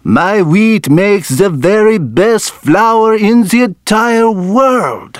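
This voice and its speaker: A man's voice: high voice, lively intonation, slow, dry recording, pitched above the performer's own voice. A man plays a grand French farmer who twirls his mustache, his voice lifted and stretched out. He lingers over every proud boast. The sound is dry and close. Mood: grand, boastful.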